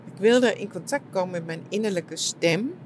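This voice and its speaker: A middle-aged woman talking reflectively about her retreat, soft and searching, with many fillers and restarts. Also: medium pitch, moderate pace, slight background noise. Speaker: shiatsu practitioner and podcast host. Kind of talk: reflective personal monologue.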